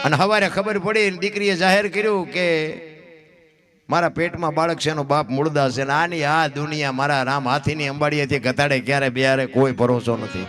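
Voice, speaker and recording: Man, folk storyteller, high voice, dramatic swings between murmur and declaiming, faint guitar behind. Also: steady tone, a little fast.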